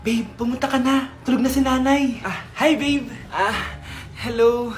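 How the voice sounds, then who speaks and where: A woman from the Philippines acting out short comedy skits in a lively, exaggerated way, playing every character herself. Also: high-pitched, a little slow. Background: background music.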